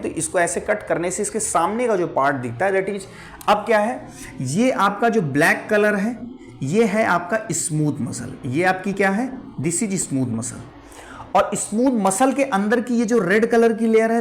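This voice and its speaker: Man, pharmacology teacher, whiteboard lecture, rhetorical questions answered himself, repeats key points. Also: sits high. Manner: mixes English terms into Hindi.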